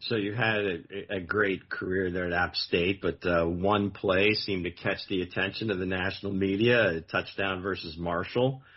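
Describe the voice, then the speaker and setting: Very deep-voiced husky man as interviewer, steady questions, lo-fi sound. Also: normal speed, few pauses. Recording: dull lo-fi recording.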